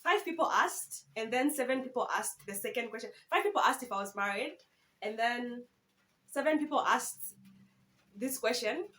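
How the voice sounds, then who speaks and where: A woman's voice: fairly high pitch, animated, normal speed, a bit bright, rough recording. A woman in her twenties from Zambia, chatting casually and playfully in a Q and A vlog, often breaking into giggles. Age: 20s. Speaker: YouTuber. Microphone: camera phone.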